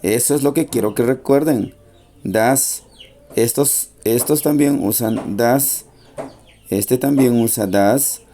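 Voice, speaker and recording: A man teaching an English grammar lesson in Spanish. He is patient, repeats the key points and slows down for the English example sentences. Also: medium pitch, mellow, slight background noise.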